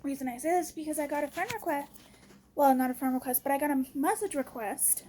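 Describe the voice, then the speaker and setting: A vlogger with a notably high voice and a soft, mellow tone vents to her followers at a quick pace. She sounds exasperated and blunt, keeping things casual and packed with slang.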